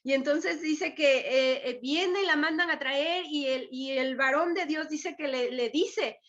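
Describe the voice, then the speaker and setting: A woman teaching a Bible lesson in a relaxed, conversational way, acting out the characters' words. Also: high-pitched, a little slow, lo-fi sound. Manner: retells scripture in conversational voices, many fillers. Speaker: women's ministry preacher.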